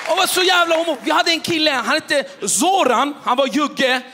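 A man from Sweden doing stand-up comedy, telling stories to the audience in a cocky, animated way. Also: very high voice, a crowd in the background. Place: comedy stage. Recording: live club with audience and noise. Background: audience laughter.

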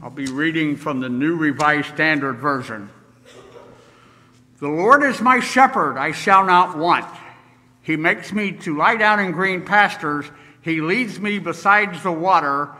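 Male liturgist, solemn measured reading, bright tone, lectern mic in a big echoing church. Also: on the high side. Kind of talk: leading worship and reading scripture. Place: large church sanctuary. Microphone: lectern microphone. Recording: distant mic, long church reverb.

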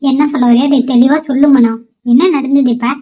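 A woman's voice: sits high, flat delivery, brisk. A woman voicing a bold, scheming young office worker in a cartoon, speaking defiantly and dismissively. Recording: dull lo-fi cartoon audio.

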